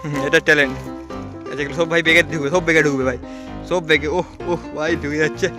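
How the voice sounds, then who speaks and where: A young man narrating an outdoor forest vlog, excitable and constantly calling out "bhai". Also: on the high side, quick pace. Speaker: vlogger. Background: music.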